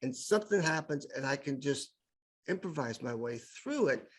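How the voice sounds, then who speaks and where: With lively intonation and a moderate pace, a middle-aged man in a mid-range voice swaps stories as a podcast guest and improv speaker. The talk is casual and enthusiastic, full of repeated words as he builds up his point, over slight background noise.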